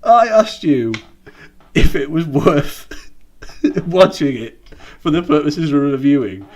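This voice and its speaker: A man's voice: a little high, animated, slow. Rambling British man on a call. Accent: British English. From Britain. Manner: rambling, jokey, trails off quietly at the ends of points. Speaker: podcast co-host. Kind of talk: casual chat over a video call. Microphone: video call.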